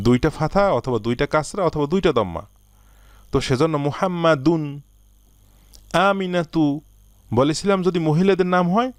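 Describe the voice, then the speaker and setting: A man teaching an Arabic lesson, slowly reading out word lists and asking learners to answer. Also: on the high side, no room sound. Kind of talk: recorded language lesson.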